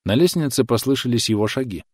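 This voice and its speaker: A man narrating an audiobook in a measured, expressive way. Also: mid-range voice, breathy edge, no echo, studio quality.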